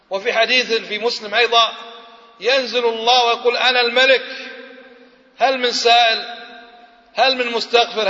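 Man, preacher, high voice, bright tone, emphatic, asks and answers questions. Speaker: Islamic preacher. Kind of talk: religious lecture. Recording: muffled lecture hall recording with long reverb.

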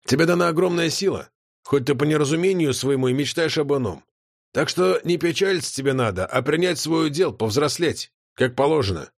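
A man's voice: a little high, expressive, fairly quick, gravelly, no room sound, clean studio sound. A man voicing a cheeky, potbellied male chaos creature who mocks and lectures in a folksy way. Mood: lecturing.

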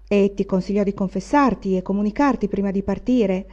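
A woman voicing a kindly, pious older aunt who speaks in a gentle, naive way. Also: mid-range voice, a little fast, dull audio, close to an everyday voice.

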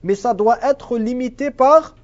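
A man's voice: extremely high pitch, unhurried. A man teaching a religious class and answering questions, earnest and repetitive, sprinkling Arabic phrases into his French. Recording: dull lo-fi sound.

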